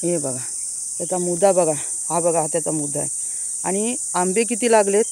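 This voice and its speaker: A woman's voice: fairly low pitch, normal speed, dark tone. A woman from Konkan, chatting casually as she shows viewers around her farm. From Konkan, India. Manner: chatty, keeps pointing things out to viewers. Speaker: village vlogger. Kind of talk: casual walking farm tour. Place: outdoors in an orchard. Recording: faint outdoor noise from insects. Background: insects chirping.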